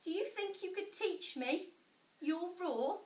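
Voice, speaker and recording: A small storybook mouse, played by a woman, squeaky and very high. He speaks politely and eagerly, timid yet plucky, with big swoops in pitch. The sound is roomy and echoing. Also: expressive, slow pace, a little mellow, heavily acted. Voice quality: squeaky, peeping. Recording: echoey room, distant mic.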